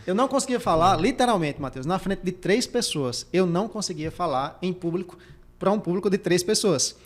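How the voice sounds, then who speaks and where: Fast, high-voiced emphatic Brazilian podcast host. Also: male voice, expressive. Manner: emphatic, repeats key points, demonstrates vocal techniques. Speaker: career coach and podcast host. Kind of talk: motivational podcast talk.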